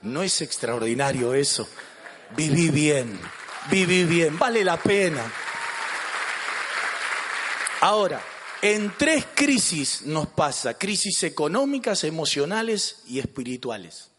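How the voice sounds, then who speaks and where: A man's voice: fairly high pitch, big pitch swings, slow pace, long pauses, fairly bright tone, in a large hall, a faint crowd, a little hiss or hum. A man with an Argentine accent, a pastor preaching a sermon. He jokes and asks the congregation questions. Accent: Argentine Spanish. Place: church.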